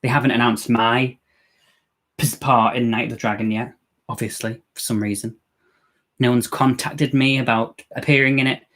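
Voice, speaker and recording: Reading viewer comments and reacting to the film, this Scouse-accented Englishman keeps his watch-along live stream chatty and jokey. His voice is medium in pitch, fairly bright, with little pitch movement and a normal speed.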